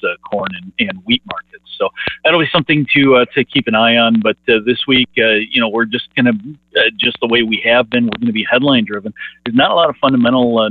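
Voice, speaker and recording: A man's voice: lowish voice, a little hiss or hum. Man talking over a tinny phone line. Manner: halting, many filler pauses. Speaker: market analyst guest. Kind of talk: casual market commentary.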